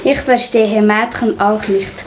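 A woman voicing a calm, unbothered young male wolf in a children's story. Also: mid-range voice, measured pace, noisy background, natural voice. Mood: relaxed.

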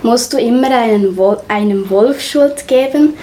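A woman's voice: on the high side, unhurried, dark tone, slight background noise, close to an everyday voice. A woman voicing a sleepy, mildly reproachful orphan boy in a children's story. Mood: calm.

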